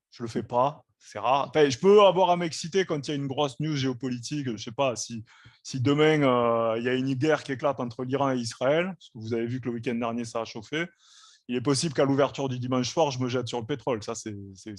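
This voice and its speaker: A man's voice: mid-range voice, fairly quick, dry recording. Man hosting a live trading stream, dry sound. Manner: relaxed, explanatory, repeats "hein" and "quoi".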